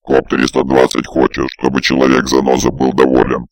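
A man voicing an emotionless male combat robot that speaks in gravelly, clipped monotone reports for an audiobook. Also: rumbling low, a little fast, dry recording, pitched below the performer's own voice. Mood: flat robotic. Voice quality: gravelly, creaky. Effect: heard through the robot's external speaker. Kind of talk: audiobook narration.

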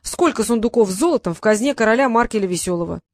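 Woman reading as a young boy mage, nervous but quick-witted, eager raised voice, storybook, dry sound. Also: on the high side, animated, dry recording.

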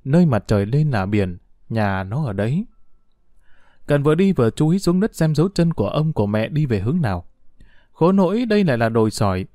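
A male audiobook narrator telling a story in an expressive, dramatic way. His voice is dark and mellow, with a lively, moving pitch. The recording is close and dry. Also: no room sound.

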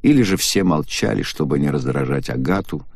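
A man narrating a novel as an audiobook in an expressive, measured way. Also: a bass voice, vocal fry, no room sound, studio quality.

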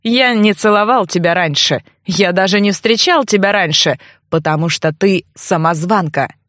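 A woman's voice: mid-range voice, moderate pace, a bit bright, no room sound, clean studio sound, natural voice. A woman voicing a smug young man who mocks and blackmails the heroine in a sly, taunting way.

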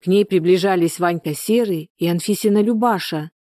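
Woman narrator, calm storybook reading, low pitch, mellow tone, dry sound. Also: normal speed, no echo.

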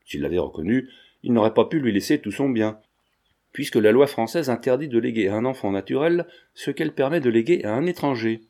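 A man voicing a polite, formal middle-aged notary who speaks in a measured, precise way. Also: mid-range voice, lively intonation, mellow.

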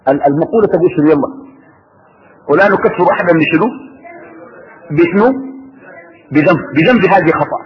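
A man with a Sudanese Arabic accent teaching a religious lesson to students, animated, posing questions to the class and answering them himself. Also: a little high, brisk, pauses often, a little hiss or hum. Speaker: Islamic scholar teaching a class. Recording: reverberant hall, dull lo-fi sound.

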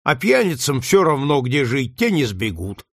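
A man's voice: medium pitch, big pitch swings, normal speed, a bit bright, dry recording, studio quality. A man voicing a coarse, cynical middle-aged male trader who talks bluntly and matter-of-factly in an audiobook reading.

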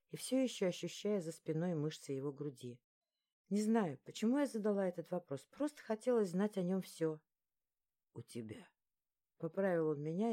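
A woman narrating a first-person romance audiobook in a soft, even storytelling voice. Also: on the low side.

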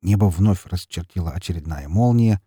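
A man reading an audiobook in an expressive, dramatic narration. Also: low voice, moderate pace, breathy edge, no echo, clean studio sound. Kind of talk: scripted narration.

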